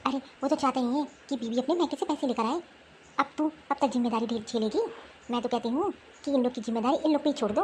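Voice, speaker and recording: A woman's voice: high-pitched, a little mellow, lightly acted. A woman voicing a spiteful young sister-in-law in a cartoon, sneering and coaxing her mother against the bride. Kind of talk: Hindi cartoon voice acting.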